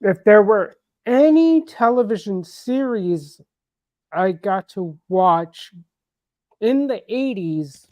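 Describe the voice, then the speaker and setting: A man's voice: high-pitched, a little mellow, no echo. An American man co-hosting a casual livestream chat, thoughtful and rambling, with restarts. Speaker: livestream co-host. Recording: dull, lo-fi stream audio.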